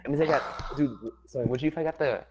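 A man's voice: a little high, fast talker, a little mellow, lo-fi sound, a little hiss or hum. A man chatting on a gaming stream, tossing in joking, playful remarks. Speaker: friend on stream. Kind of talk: casual gaming chat.

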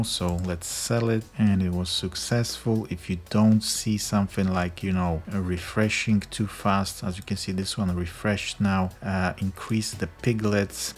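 A man with a low, steady voice that barely rises or falls narrates a screen-recorded tutorial. He explains each step in a relaxed, conversational way, filling pauses with frequent uh's. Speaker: crypto tutorial host.

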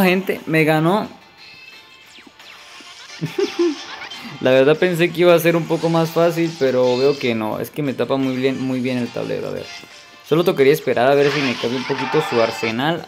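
Excitable Mexican man commentating gameplay. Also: mid-range voice. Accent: Mexican Spanish. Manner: chatty, excitable, keeps calling to viewers. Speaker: gaming channel host.

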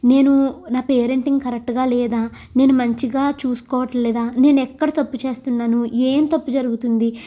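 A hoarse woman, a mother, venting in a casual vlog and asking her viewers questions. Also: sits high, steady tone, moderate pace, dark tone. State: hoarse from shouting. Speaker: vlogger and mother. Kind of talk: casual confessional vlog chat.

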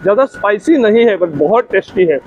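The high, expressive voice of a middle-aged Indian food vlogger moves briskly and sounds a little mellow, though the recording is muffled with a slight hiss or hum. Wearing a lapel mic at an open-air restaurant, he hosts casually and enthusiastically in a mix of Hindi and English.

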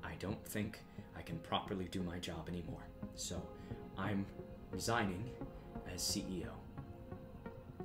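A man's voice: low-pitched, steady tone, a little slow, over music. A man reading as a weary woman CEO. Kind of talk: audiobook character reading.

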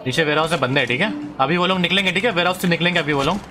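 A man streaming a mobile shooter, giving quick, bossy calls to his squad over live voice chat. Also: a little high. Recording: game sounds and chat noise.

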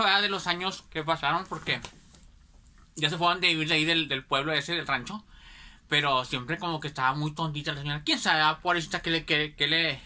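Bright-voiced woman telling stories. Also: deep voice. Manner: chatty, rambling, keeps asking ¿verdad?. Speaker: storyteller. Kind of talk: casual anecdote telling.

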